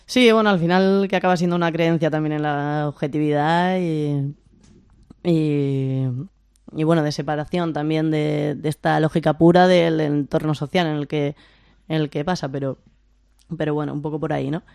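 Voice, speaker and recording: An androgynous, mid-pitched voice with a Spain accent and a lisp. It is smooth with some vocal fry, recorded very dry. The speaker explains ideas informally and haltingly, checking in with little tag questions. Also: steady tone, a little mellow, no echo. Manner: lisping, pronouncing s as th. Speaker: discussion leader.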